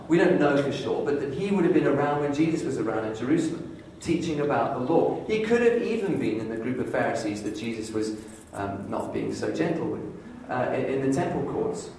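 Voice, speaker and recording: A man preaching a sermon, telling a Bible story in a lively storytelling way and voicing the inner thoughts of its people. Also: medium pitch, heavy reverb, distant mic, slight background noise, low-quality recording.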